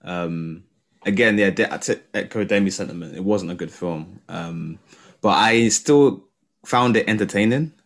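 A man's voice: sits low, measured pace. A man with a London accent chatting casually and in slang as a podcast co-host.

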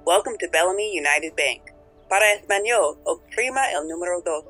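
A formal recorded bank phone message, with a bright, crisp edge and soft music in the background. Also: female voice, fairly low pitch, animated, fairly quick, poor audio.

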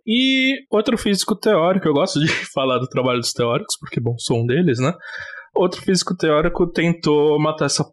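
Joking Brazilian physicist, higher-pitched man. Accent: Brazilian Portuguese. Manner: informal, jokey, swears, mock exasperation. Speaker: podcast co-host, theoretical physicist. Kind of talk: casual science podcast chat.

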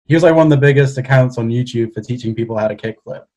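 A man's voice: medium pitch, fast talker, dark tone. A young man with a Cardiff Welsh accent, chatting casually as an interview guest in a hesitant, understated way. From Cardiff, Wales. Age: young adult. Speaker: podcast guest, cartoonist.

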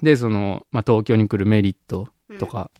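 A man's voice: lowish voice, normal speed, mellow, no room sound, clean studio sound. A man with a Kansai-style dialect, a band member co-hosting a radio show, talking casually and laughing often.

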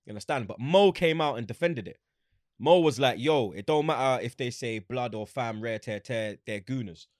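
A man's voice: medium pitch, normal speed, no echo. London roadman guy telling stories, loads of street slang, acts out the convo, really dry close recording. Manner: animated storytelling, acts out quoted exchanges. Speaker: interview guest, football fan. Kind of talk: casual anecdotal chat.

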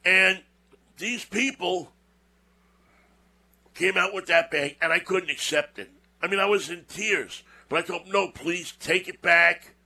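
Bright-voiced rambling man telling a story. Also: sits high, a little slow, long pauses. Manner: rambling, repeats words, folksy asides. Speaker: show host. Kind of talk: casual storytelling monologue.

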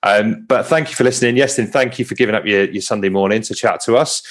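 A man's voice: fairly low pitch, fast. A man with a Home Counties English accent hosting a casual sports chat, often repeating and correcting himself. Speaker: podcast host.

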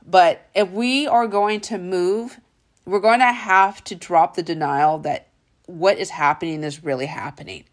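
A woman hosting a motivational podcast, telling stories in an animated way and calling the listener honey and darling. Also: fairly low pitch, measured pace. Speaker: podcast host.

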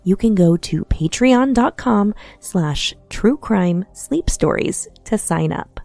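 A woman host narrating a scripted true crime bedtime story as a sleep story narrator, in a soft, soothing delivery. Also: mid-range voice, lively intonation, slow, creaky, no echo. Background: soft music.

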